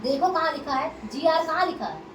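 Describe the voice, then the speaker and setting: A woman gently but firmly coaxing a child to read, soothing and urging by turns. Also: high voice, lively intonation, brisk. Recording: echoey room, distant, noisy.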